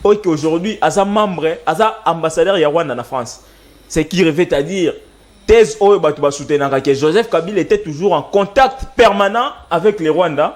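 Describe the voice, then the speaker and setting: A man with a fairly high voice argues his case on a televised debate panel. He is insistent and keeps pressing his logic, switching between two languages mid-sentence. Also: normal speed.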